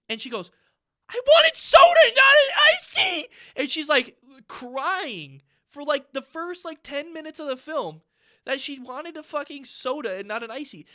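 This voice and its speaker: A young man with a high, bright voice co-hosts a podcast. He tells his story in an animated, exasperated way, swearing freely as he rants. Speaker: podcast co-host. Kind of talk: casual storytelling rant. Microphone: podcast mic.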